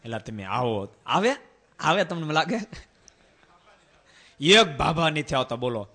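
Animated preacher man, bright voice. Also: on the high side, a little slow. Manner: animated, exclaiming, asks the listeners rhetorical questions. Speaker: monk preacher. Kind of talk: sermon with folk storytelling.

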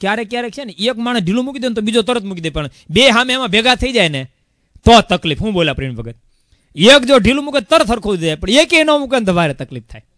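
Speaking quickly in a voice that sits high, a sadhu preaches through a story, lively and dramatic as he voices the dialogue of its people. The recording is studio quality, with no room sound.

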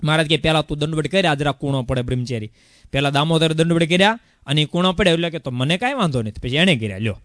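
A man's voice: fairly high pitch, racing, no room sound, clean studio sound. A man, a sadhu giving a sermon with a story and acting out the dialogue of its people. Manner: animated storyteller, acts out dialogue. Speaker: sadhu preacher.

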